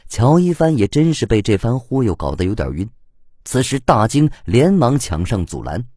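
Male audiobook narrator, lively up-and-down delivery, dry close mic. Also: mid-range voice, normal speed, dry recording. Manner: expressive storytelling. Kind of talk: scripted narration.

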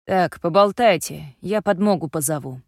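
A woman voicing a gruff, commanding male rescuer doctor who barks blunt orders in an audiobook reading. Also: fairly low pitch, moderate pace, dry recording, studio quality, close to an everyday voice.

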